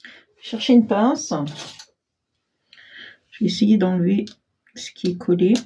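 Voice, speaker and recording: Woman, husky voice, mid pitch, casual crafting chat, self-deprecating, filler-heavy, keeps clearing her throat. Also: a little slow, warm tone. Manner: chatty, self-deprecating, hesitant with many fillers. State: frequent throat clearing, frog in throat. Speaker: crafting channel host. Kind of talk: casual crafting tutorial talk.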